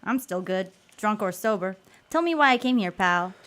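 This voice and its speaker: A woman's voice: mid-range voice, lively intonation, moderate pace, fairly bright tone, lightly acted. A woman playing a sadistic gangster in a noir radio drama, menacing and taunting with slangy talk.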